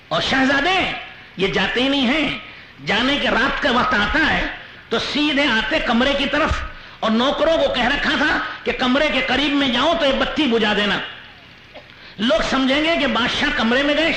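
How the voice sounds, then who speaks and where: A male Islamic preacher telling a story in a sermon, animated, with chuckling asides. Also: very high-pitched. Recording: roomy echo with faint noise.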